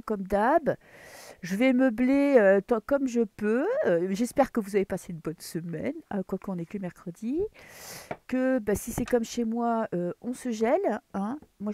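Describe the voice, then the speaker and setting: A woman with a French accent reads tarot cards and chats in a loose, rambling way, often using fillers and restarting. Her slightly high voice has a dark tone, captured in a dry recording in a dim room at home early in the morning.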